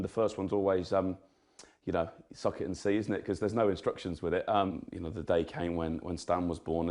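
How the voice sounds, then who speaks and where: A man's voice: on the low side, a little mellow. A man in his forties from England, a rugby coach answering interview questions hesitantly, with many ums and laughing asides.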